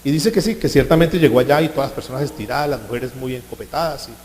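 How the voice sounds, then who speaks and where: A man's voice: mid-range voice, quick pace, darkish tone, long reverb tail, slight background noise. A man preaching as pastor, passionate, acting out quoted voices in his sermon.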